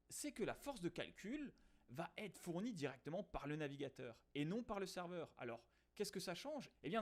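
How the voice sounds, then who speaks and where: A man hosting a casual coding tutorial, explaining in a lively way with fillers and quick self-corrections. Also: fairly high pitch. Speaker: programming tutorial host.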